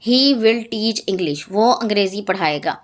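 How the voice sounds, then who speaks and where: A woman teacher, reading English textbook answers slowly and translating each line. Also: medium pitch. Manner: reads English lines slowly, then translates. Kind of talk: textbook lesson explanation.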